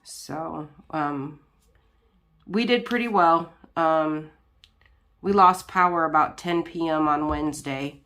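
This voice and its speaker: A woman's voice: low-pitched, slow pace, a bit bright. A woman hosting a crafting video, chatting casually while she works, her voice nasal and congested from a cold, rambling with plenty of ums and restarts. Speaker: crafting channel host. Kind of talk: casual chat while diamond painting.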